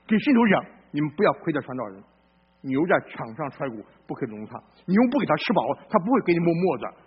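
A male pastor preaching a sermon in a blunt, folksy way, swinging between loud outbursts and low murmurs and asking listeners questions. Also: very animated, fast, slightly rough, muffled recording.

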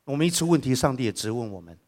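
A man preaching a sermon, joking with the congregation and acting out the voices of the people he quotes. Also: racing. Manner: lively, acts out quoted voices with big pitch jumps; humorous asides with laughter.

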